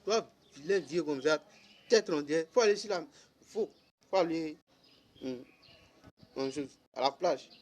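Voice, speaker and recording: With a darkish, slightly high voice, a man rants at a measured pace, leaving long pauses. It's casual but scolding, spoken directly to the listener, and he keeps repeating himself for emphasis.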